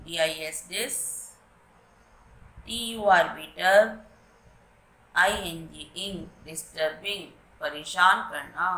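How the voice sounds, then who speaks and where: Woman teacher, slow and deliberate, spelling words for young pupils, bright tone, roomy echo. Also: on the low side. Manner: spells words letter by letter and translates each phrase; addresses children directly, slow deliberate reading of English. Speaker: English teacher. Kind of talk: bilingual classroom lesson explaining vocabulary and reading. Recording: echoey room.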